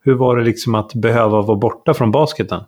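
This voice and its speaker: A man interviewing a guest, asking calm questions with casual fillers. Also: medium pitch.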